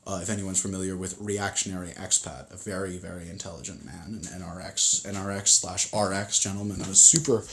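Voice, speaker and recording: A man's voice: low-pitched, flat delivery, brisk, few pauses, a bit bright. A man hosting a casual livestream, rambling and reading viewer comments aloud, with many fillers and restarts, recorded on a phone. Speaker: livestream host.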